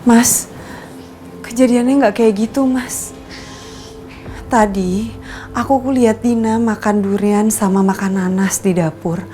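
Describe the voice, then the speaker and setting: An actress playing a patient young wife, earnest and defensive when accused. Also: female voice, fairly high pitch, steady tone, measured pace, long pauses, dark tone, faint music behind, close to an everyday voice. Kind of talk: TV soap acting.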